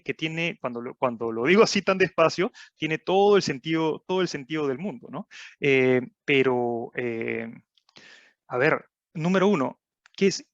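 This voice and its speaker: Halting man host, dull dry sound. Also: fairly high pitch, dry recording. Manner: halting, many fillers and repeated words, rhetorical questions. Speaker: podcast host. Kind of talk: podcast interview.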